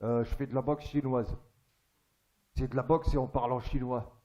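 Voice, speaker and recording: A man's voice: mid-range voice, fairly even intonation, normal speed, dark tone, highs cut off. A man doing a stand-up comedy monologue on a theatre stage, chatty and crude, teasing the audience.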